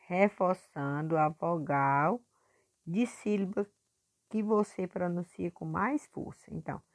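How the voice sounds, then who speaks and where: A woman teacher recording a lesson review for her pupils, patient and clear, stretching words out to stress syllables. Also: on the low side, darkish tone.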